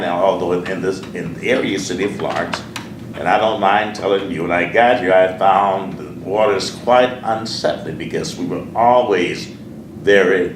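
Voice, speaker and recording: An older man with a Southern American accent, a pastor from Alabama, earnestly recalling his life in an oral history interview, often repeating his words. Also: on the low side. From Sheffield, Alabama. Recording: echoey room, distant mic, noisy.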